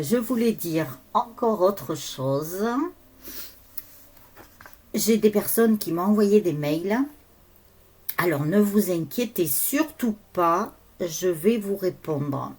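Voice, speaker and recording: A woman's voice: fairly low pitch, darkish tone, breathy edge. A woman medium giving casual spiritual guidance, chatty and rambling with many fillers. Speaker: medium and energy healer.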